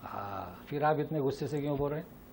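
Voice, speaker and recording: A man's voice: mid-range voice, animated, creaky, darkish tone, slight background noise. A male Islamic teacher giving a Quran lesson and answering questions. He talks with emphasis and keeps repeating rhetorical questions to drive his point home.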